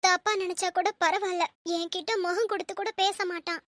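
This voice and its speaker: A woman's voice: extremely high pitch, fairly even intonation, a little fast, a bit bright, no room sound. A woman playing a worried, scheming middle-aged mother in a family drama skit, speaking in a plaintive, pleading way. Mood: tearful.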